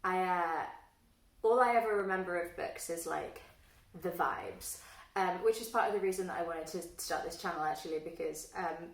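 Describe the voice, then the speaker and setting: A London book vlogger introduces herself casually to the camera in a fairly low voice at normal speed. She's wry and self-deprecating with plenty of fillers, and she sits a little far from the mic in an echoey room.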